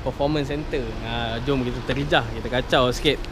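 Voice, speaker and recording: A young Malaysian man with a Malaysian accent hosting a motorcycle vlog, loud and playful, mixing Malay and English, filmed on an action camera at arm's length. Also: medium pitch, fairly even intonation, fast talker. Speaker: motovlogger host. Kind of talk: casual vlog chat. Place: motorcycle workshop and back lane, indoors and out. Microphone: action camera held at arm's length. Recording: loud street and traffic noise.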